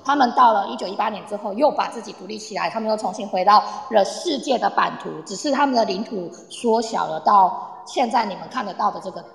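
Speaking fast with vocal fry and barely pausing, this medium-pitched woman is a guest speaker explaining Polish culture. She talks informally and directly to a live online audience, teacher-style, in a reverberant audio room that gives the recording a long, echoey tail.

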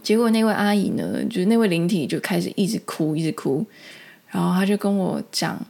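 Lady rambling thru a story, husky low-ish voice, lots of restarts. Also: animated, a little fast, a little mellow. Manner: rambling, with many restarts and fillers. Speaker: spiritual vlogger. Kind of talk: casual storytelling monologue.

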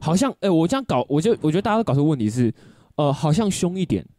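A man's voice: on the high side, very animated, fast, dark tone, slight background noise. A man, co-hosting a casual podcast chat and speaking emphatically, with frequent hums of agreement. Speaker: podcast co-host.

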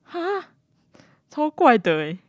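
A woman co-hosting a podcast, reacting quickly and bluntly and swearing casually. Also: fairly high pitch, sing-song, darkish tone, dry recording. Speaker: podcast co-host. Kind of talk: casual chat.

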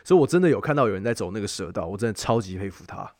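A man's voice: fairly low pitch, big pitch swings, racing, darkish tone, dry recording. Taiwanese-accented man, close dry sound. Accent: Taiwanese Mandarin. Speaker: podcast host. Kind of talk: casual travel chat.

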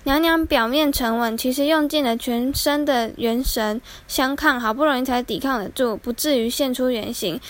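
A woman narrates a classic folktale in a high, clear voice. She reads in a measured, dramatic way and slows down over tense moments. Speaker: storyteller. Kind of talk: scripted storybook narration.

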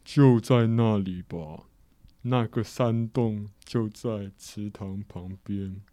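A man voicing a contented male water buffalo in a children's story, talking slowly and relaxed. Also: lowish voice, distant mic. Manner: slow, relaxed.

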